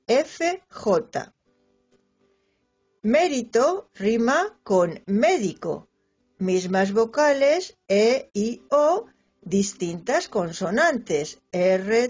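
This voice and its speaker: Slow lilting woman teaching children. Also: medium pitch, slightly rough. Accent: Spanish from Spain. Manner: slow, lilting, stretches out example words for children. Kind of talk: children's lesson narration. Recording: dull lo-fi sound with faint music.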